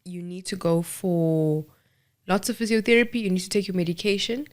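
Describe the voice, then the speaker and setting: A woman's voice: lowish voice, brisk, darkish tone. Young woman from Zimbabwe. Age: 20s. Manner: chatty storytelling with fillers and restarts. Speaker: guest, audiologist. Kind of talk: casual interview chat.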